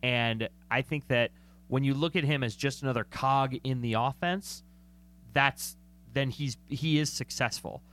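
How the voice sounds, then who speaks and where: A man's voice: medium pitch, a little slow, fairly bright tone. A man co-hosting a sports talk show, analyzing football in a chatty, joking way and often correcting himself mid-sentence. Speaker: sports podcast co-host.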